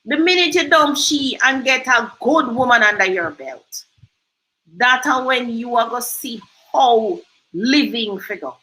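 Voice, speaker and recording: Jamaican woman host, emphatic and preachy, higher-pitched, forceful tone, drifts into patois. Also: rough recording. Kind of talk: motivational livestream talk.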